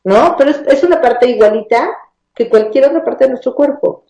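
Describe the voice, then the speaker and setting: Mexican woman explaining, mellow and roomy. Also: high-pitched, fairly quick, vocal fry. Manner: explanatory, many restarts and tag questions. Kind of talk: casual conversational explanation.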